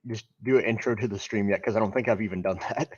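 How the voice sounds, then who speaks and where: Male streamer host, lowish voice, dry close sound, slightly dull lo-fi audio, casual and halting with many ums. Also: breathy edge, no room sound. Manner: halting, filler-heavy, friendly. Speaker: streamer hosting a game stream. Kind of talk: casual gameplay chat.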